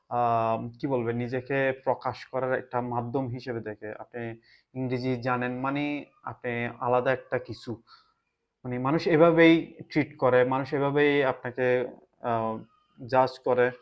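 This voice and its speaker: A man with a Bangladeshi Bengali accent talks casually to the camera at a middle pitch. He sounds reflective and often stops to hunt for the right word. The recording is a little dull and lo-fi. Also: fairly even intonation. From Chittagong, Bangladesh. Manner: reflective, pauses often to search for words. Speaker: vlogger.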